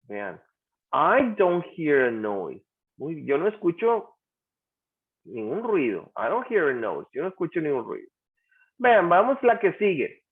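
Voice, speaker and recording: Male teacher, patient, slow and lively, tinny call audio. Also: fairly high pitch. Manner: patient, asks students questions and repeats answers. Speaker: English teacher. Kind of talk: online class, explaining grammar.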